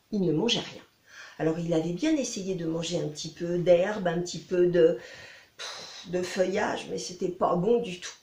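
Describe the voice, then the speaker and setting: A woman storyteller telling a children's tale in a library, playful and dramatic, with drawn-out words and pauses. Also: mid-range voice, a little mellow. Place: public library. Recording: echoey room.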